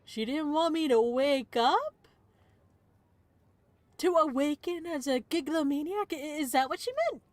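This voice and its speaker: A woman's voice: sits high, a little slow, pauses often, no echo. A woman streamer reading visual novel narration aloud, breaking off now and then for playful asides.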